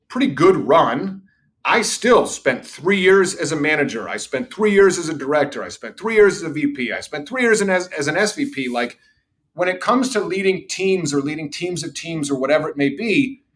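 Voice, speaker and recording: Appearing as a podcast guest, a middle-aged revenue executive tells self-assured career anecdotes in an animated, rather high voice at a moderate pace. He points out that he has a loud voice.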